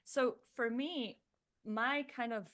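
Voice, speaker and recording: A woman in her thirties from Slovenia, a Slovenian native speaker, guest on an interview, talking in a reflective, animated way with many restarts. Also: a little high, takes it slowly. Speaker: guest, neuroscientist turned coach. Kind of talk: casual interview chat.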